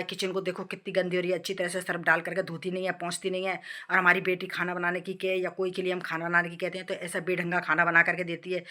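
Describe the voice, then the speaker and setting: A woman voicing a harsh, nagging mother-in-law. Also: fairly low pitch. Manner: sharp, nagging, belittling. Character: harsh scolding middle-aged mother-in-law.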